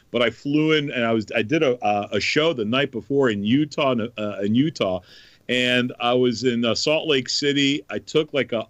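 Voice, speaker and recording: A man hosting a podcast in casual chat, telling stories in an animated way. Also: mid-range voice, no room sound. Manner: animated storyteller. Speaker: podcast host.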